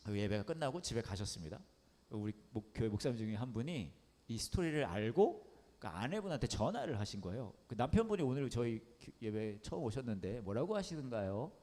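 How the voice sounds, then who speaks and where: A man preaching as a pastor, telling a funny story in a lively, comic way and repeating words for effect. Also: mid-range voice, brisk. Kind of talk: storytelling sermon. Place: underground church hall. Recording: long hall reverb.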